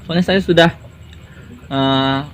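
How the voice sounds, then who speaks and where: Taking his time, a young guest in a relaxed interview tells stories, laughs along, and sprinkles in Islamic expressions. His pitch is fairly high and his tone fairly bright. Background noise runs through the recording.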